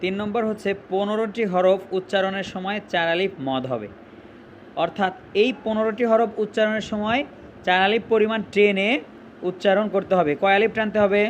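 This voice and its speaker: A man's voice: high-pitched, normal speed, a little hiss or hum. A man teaching a Quran reading lesson, drawing out letters and asking questions that he answers himself.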